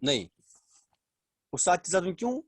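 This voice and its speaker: A man teaching a language class over a video call, explaining slowly, repeating words and quizzing his students. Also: sits high, big pitch swings, dry recording, studio quality. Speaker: Arabic teacher. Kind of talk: online class lecture.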